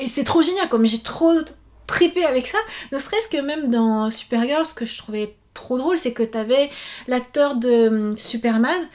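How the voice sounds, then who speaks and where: High-voiced chatty woman vlogger. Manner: chatty, animated, many fillers. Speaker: YouTuber and author. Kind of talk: casual chat vlog.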